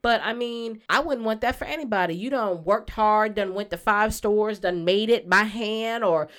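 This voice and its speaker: A woman's voice: mid-range voice, normal speed, fairly bright tone. Woman podcast co-host just bantering, emphatic n playful, repeats stuff to make her point. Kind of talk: casual, bantering conversation.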